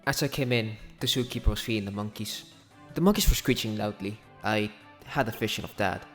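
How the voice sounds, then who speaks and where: A man voicing a troubled boy who flatly recounts a dark memory. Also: fairly low pitch, fairly quick, long reverb tail, faint music behind, natural voice. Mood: detached.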